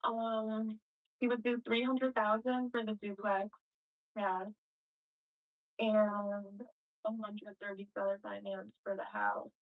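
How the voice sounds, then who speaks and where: A woman's voice: mid-range voice, little pitch movement, takes it slowly, long pauses. Woman on a tinny phone line. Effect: heard over a phone call. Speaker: business contact on the phone. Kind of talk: casual phone call about a deal.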